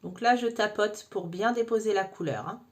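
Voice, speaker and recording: A woman's voice: mid-range voice, normal speed. A woman narrates her makeup tutorial step by step. She talks to the viewer in a friendly, informal way and keeps tagging her sentences with little asides. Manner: chatty, addresses viewer informally with frequent "hein". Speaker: makeup vlogger.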